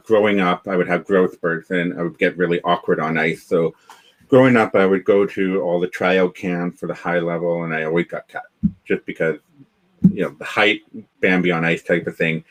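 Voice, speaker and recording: A Canadian man with a low voice, heard on a low-quality recording, is a guest on a video-call interview. He founded a developer community, and in this casual interview chat he rambles, restarting often and filling gaps with fillers.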